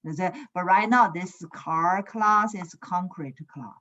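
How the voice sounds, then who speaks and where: Slow-talking woman lecturing in a screen recording. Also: fairly low pitch, fairly bright tone, highs cut off. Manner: slow, with frequent "is it?" checks and "uh" fillers. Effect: screen-recorded online lecture audio. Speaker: computer science lecturer. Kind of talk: online class lecture. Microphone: computer mic on a video call.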